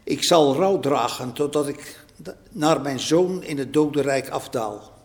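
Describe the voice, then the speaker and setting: A man reading the part of Jacob, a grieving old father, in a slow, subdued way, with long church reverb around him. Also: medium pitch, a little mellow, natural voice.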